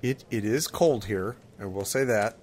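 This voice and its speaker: A male podcast co-host with a lowish, darkish voice speaks a little slowly. He recounts gaming in a casual, conversational way, with faint ambient noise audible behind him.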